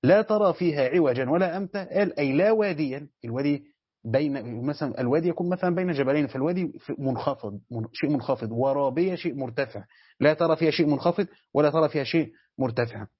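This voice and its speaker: A man's voice: fairly high pitch, quick pace, slightly rough. A man with an Egyptian Arabic accent, a sheikh teaching a Quran commentary class who explains step by step and keeps checking that his students follow. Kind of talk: classroom lesson. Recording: dull lo-fi lecture recording.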